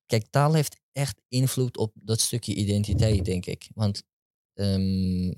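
A man's voice: on the low side, slow, darkish tone, dry recording, studio quality. A young man co-hosting, explaining his views earnestly and stumbling over his words. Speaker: co-host. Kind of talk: casual chat.

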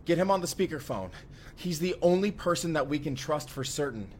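Urgent and exasperated, an actor voices a foul-mouthed young fugitive in a first-person audio drama. He sounds a little high, expressive and fairly quick, close to an everyday voice, with slight noise in the background.

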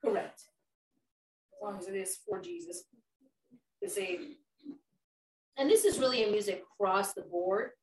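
A woman's voice: medium pitch, big pitch swings, moderate pace, pauses often. A woman leading an informal youth group talk, preaching emphatically and putting questions to the group. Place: indoor room with a small group around a table. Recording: roomy, distant mic, faint background noise.

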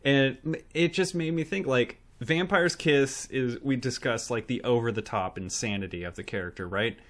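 A man with a mid-range voice co-hosts a casual movie review podcast at a moderate pace. He's animated and profane, laughing as he acts out scenes.

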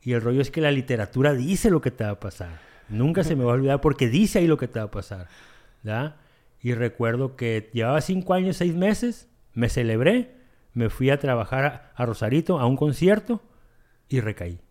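A man telling his recovery testimony, halting and repeating himself, acting out dialogue as he goes. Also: mid-range voice, animated, darkish tone. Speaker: guest sharing a recovery testimony. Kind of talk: emotional personal storytelling.

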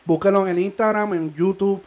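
A man's voice: sits high, fairly even intonation, brisk, a little mellow. A man co-hosting a podcast, joking crudely and bursting into laughter. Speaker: podcast co-host. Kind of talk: casual banter.

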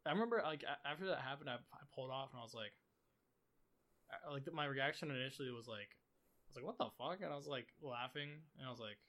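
A man's voice: mid-range voice, quick pace, pushed and bright. A young man co-hosting a casual podcast chat, rambling through stories and laughing often. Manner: rambling, laughs a lot while telling stories. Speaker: podcast co-host.

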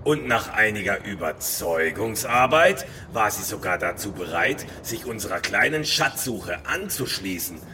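An actor playing a vain, menacing ghost pirate captain with a pompous, theatrical manner in an audio drama. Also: male voice, lowish voice, expressive, unhurried, few pauses, background noise. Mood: smug, mocking. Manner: pompous, theatrical, easily offended.

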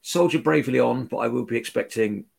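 A man's voice: mid-range voice, fast talker, vocal fry, a little mellow, slightly rough. A British man hosting a podcast in casual chat, droll and mock-stoic while under the weather with a cold. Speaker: podcast host.

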